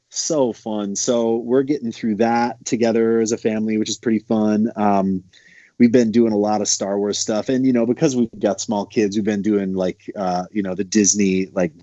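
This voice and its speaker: A man in his thirties from Montana, a bass player talking loosely with lots of fillers. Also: dark tone, no room sound, muffled recording. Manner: loose, rambling storytelling with many fillers. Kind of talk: casual conversation.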